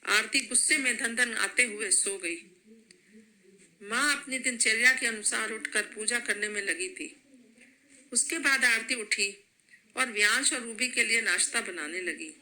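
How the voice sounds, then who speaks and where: A woman storyteller reads a scripted family drama aloud. Her voice is very bright and clear-edged, and her delivery is steady and plain. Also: fairly high pitch, unhurried, poor audio.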